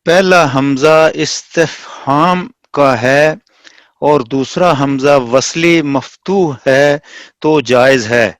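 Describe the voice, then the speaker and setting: A man's voice: a little high, no echo. Dry-voiced male student answering his teacher. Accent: Pakistani Urdu. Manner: brief polite answers, careful reading.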